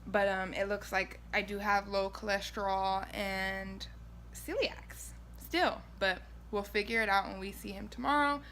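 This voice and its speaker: A woman's voice: mid-range voice, fairly even intonation, moderate pace, hardly any pauses, sharp tone, slight background noise. A woman vlogger chatting casually and informally, rambling along and questioning herself as she talks. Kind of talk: casual chat to camera.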